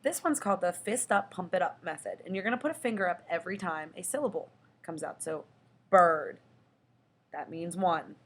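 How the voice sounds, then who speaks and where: A young woman teaching a children's lesson, slow and patient, stretching out the example words. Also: on the low side, husky. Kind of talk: children's lesson explaining syllables.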